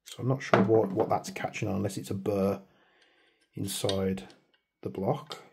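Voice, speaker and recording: This UK man, who makes airsoft videos, meanders through a hands-on product review in a chatty, self-deprecating way, joking that he's waffling. He speaks with a lowish, gravelly voice at a measured pace, his delivery flat, with slight background noise.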